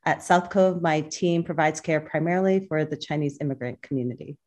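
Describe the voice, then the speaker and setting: A woman OB-GYN from Boston gives thoughtful answers in a podcast interview, often leaning on fillers. She has a deep, slightly mellow voice and a brisk delivery.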